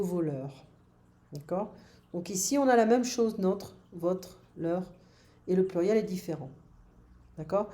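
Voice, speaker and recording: A woman's voice: mid-range voice, mellow. A woman teaching French grammar, drilling forms patiently and adding short English glosses. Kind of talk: online French grammar lesson.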